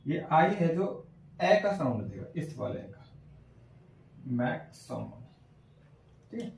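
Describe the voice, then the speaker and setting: A male teacher giving a classroom lesson on phonetic transcription, slowly sounding out words and often checking whether students follow. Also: a little high, sing-song, vocal fry, darkish tone, a little hiss or hum. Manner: slow, repeats sounds and checks understanding often. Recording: echoey room from far off.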